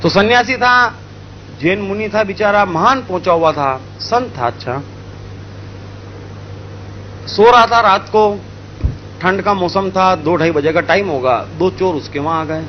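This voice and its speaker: Man from India, animated storytelling talk, high pitch, lo-fi recording, faint traffic. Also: unhurried, pauses often. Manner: animated, acting out story characters. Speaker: spiritual speaker.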